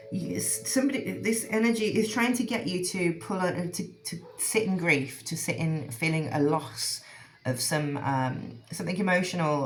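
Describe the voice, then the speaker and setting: A woman giving a rambling, casual tarot reading, full of fillers and restarts, with a frog in her throat. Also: low voice. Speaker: tarot reader.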